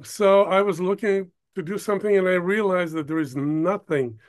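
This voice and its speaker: An older man from Ukraine, a producer, talking as an interview guest in a halting way, stopping often to search for words. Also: sits high. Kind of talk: casual interview talk.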